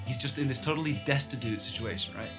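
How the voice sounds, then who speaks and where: A man's voice: medium pitch, fast. A man telling a personal story in a loose, rambling way, full of filler words, with guitar music under his voice. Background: plucked guitar music.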